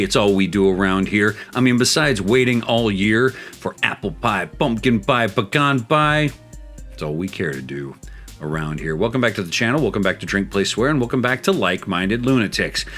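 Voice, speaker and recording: Male host from South Texas, low voice, playful gameplay chatter and storytelling. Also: fairly bright tone. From South Texas, United States. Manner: chatty and playful, jumping into high exclaims.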